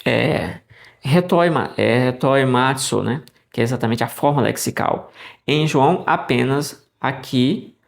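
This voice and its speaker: Gravelly-voiced man teaching. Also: medium pitch, a little slow. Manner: conversational, many "né" tag questions and restarts. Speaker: Greek New Testament teacher. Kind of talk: casual explanatory lesson.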